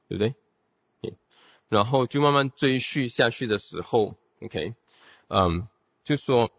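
Low-voiced man teaching theology. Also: no echo. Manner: peppers speech with "OK" and English terms; explains step by step with rhetorical questions. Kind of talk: theology lecture. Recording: dull, dry lo-fi recording.

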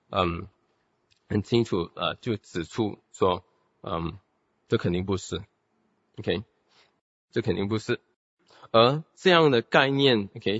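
A man's voice: fairly low pitch, dry recording. Guy teaching theology, keeps saying ok, asks the class rhetorical questions, dull recording. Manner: peppers speech with "OK" and English terms; explains step by step with rhetorical questions. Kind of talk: theology lecture.

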